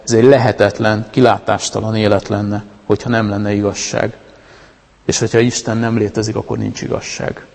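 A man's voice: lowish voice, flat delivery, creaky, a little mellow, big-room sound. A man giving an informal, conversational sermon, stopping and restarting his sentences often. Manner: conversational, with many restarts and fillers. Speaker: preacher.

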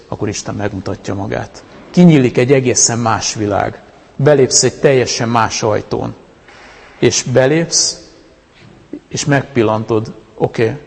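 A man's voice: fairly low pitch, creaky, big-room sound. A man giving an informal, conversational sermon, stopping and restarting his sentences often. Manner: conversational, with many restarts and fillers. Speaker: preacher.

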